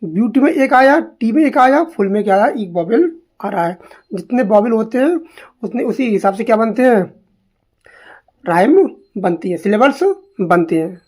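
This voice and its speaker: A woman with a fairly high, slightly mellow voice, lively intonation and moderate pace teaches literary terms for an exam. Her lesson mixes Hindi and English, and she poses questions, answers them herself and repeats each term.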